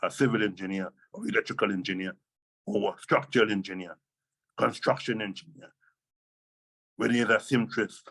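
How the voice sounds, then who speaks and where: A man's voice: fairly low pitch, fairly bright tone, dry recording, rough recording. An older man speaking as a Rastafari elder, reasoning in Rasta speech with an emphatic, repetitive, oratorical delivery. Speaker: Rastafari elder being interviewed.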